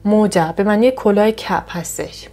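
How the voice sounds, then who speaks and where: A woman teaching a language lesson, explaining pronunciation rules step by step and saying each example word slowly and clearly. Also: medium pitch, faint music behind. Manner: patient, explains with examples, pronounces model words slowly and brightly.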